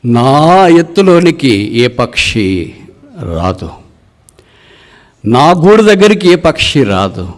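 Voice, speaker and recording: A man voicing a proud fallen eagle, the king of birds, lamenting in cries that climb high as part of a sermon story. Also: big-room sound. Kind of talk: dramatic story within a sermon.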